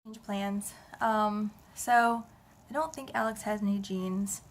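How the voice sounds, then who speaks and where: A woman's voice: medium pitch, steady tone, a little slow. A woman in her thirties chatting casually to the camera at home, rambling and thinking aloud with many restarts. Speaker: vlogger. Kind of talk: casual home vlog chat. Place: family house indoors.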